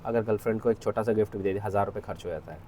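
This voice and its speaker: A man's voice: on the low side, racing, warm tone, a little hiss or hum. A man explaining how to research company stocks in a casual screen-share tutorial, talking conversationally and often checking in with "ठीक है". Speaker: equity research educator.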